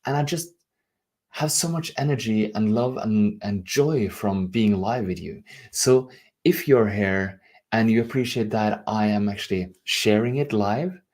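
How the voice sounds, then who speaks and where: This Norwegian man, a native speaker with a Norwegian accent, coaches life and leadership on a live stream, chatting to camera casually and with effusive affection. His lowish voice keeps a measured pace and sounds a little mellow.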